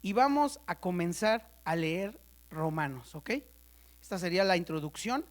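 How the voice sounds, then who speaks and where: A woman teaching a church Bible study class, chatty and playful, constantly checking in with her students and spelling out terms slowly for the ones taking notes. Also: on the low side, lively intonation. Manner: conversational, checks in with the class often.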